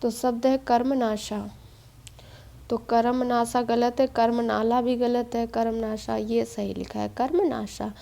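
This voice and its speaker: Woman teacher, exam-prep spelling lesson, steady and explanatory, higher pitch, soft warm tone. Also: unhurried, vocal fry. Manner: steady explaining tone, mixes English quiz terms. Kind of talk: spelling quiz walkthrough lesson.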